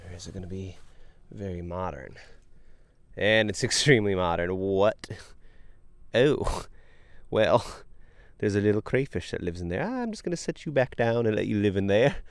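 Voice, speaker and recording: An American man with a fairly low voice talks casually to his camera while exploring outdoors. He sounds like an excitable treasure-hunting vlogger, full of exclamations and playful musing. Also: moderate pace, dry recording. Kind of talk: casual outdoor vlog commentary. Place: outdoors along a wooded creek. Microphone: camera held at arm's length.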